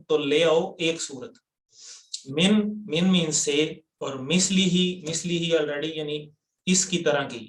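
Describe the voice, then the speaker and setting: A man's voice: a little high, echoey room. A man with a Pakistani accent teaching an online class, patient and explaining step by step while quizzing students over a computer mic. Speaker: Quran word-by-word teacher. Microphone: computer mic on a video call.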